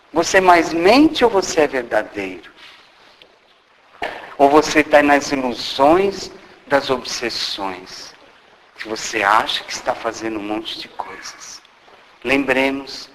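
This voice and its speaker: A man's voice: high-pitched, fairly bright tone. A man giving a spiritist sermon, speaking straight to the audience and asking many rhetorical questions. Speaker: spiritist lecturer. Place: hall of a spiritist centre. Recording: reverberant hall with faint background noise.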